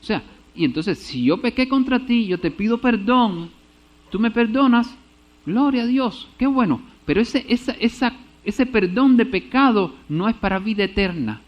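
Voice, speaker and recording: A man's voice: high voice, expressive, normal speed, lo-fi sound. A man preaching a sermon as pastor, often checking in with the congregation and saying amen. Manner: preaches with rhetorical checks and repeated amens.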